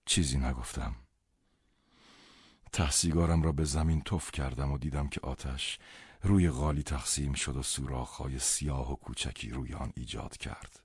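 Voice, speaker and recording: A man reading a novel aloud as an audiobook narrator, in measured first-person storytelling. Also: very deep voice, steady tone, husky, no echo, studio quality.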